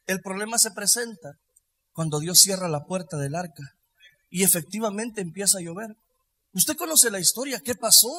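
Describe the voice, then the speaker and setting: High-voiced preacher in an echoing hall. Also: male voice. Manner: emphatic, swings from quiet to loud, stretches some phrases in a sung tone. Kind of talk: sermon. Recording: long reverb of a large hall.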